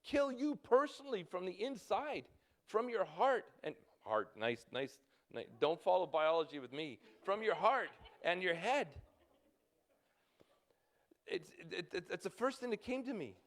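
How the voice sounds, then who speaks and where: A man in his fifties with a Canadian accent, preaching a sermon in a halting way, repeating words and breaking into urgent calls to act. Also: high-pitched, expressive, a bit bright. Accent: Canadian English. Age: 50s. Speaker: pastor.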